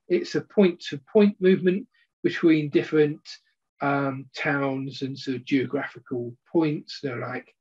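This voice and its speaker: A middle-aged man presenting an unboxing video, talking through components off the cuff in a hesitant, halting way and often rephrasing himself. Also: a little high, a little mellow, breathy edge, muffled recording. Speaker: presenter of a board game unboxing. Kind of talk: unboxing video commentary, unscripted walkthrough of components. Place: indoor hobby room at a table.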